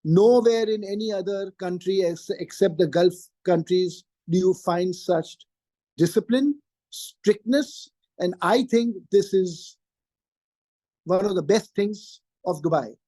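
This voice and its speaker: A man's voice: high-pitched, takes it slowly, dark tone, no echo. A man, answering interview questions emphatically and repeating his key phrases. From Pakistan. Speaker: interview guest, trainer and career coach.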